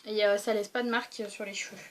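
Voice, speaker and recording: A woman's voice: mid-range voice, little pitch movement, fast, slight background noise. A young woman casually showing her weekend travel toiletries in a vlog, chatty, with many fillers and restarts. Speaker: beauty vlogger. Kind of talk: casual show-and-tell vlog.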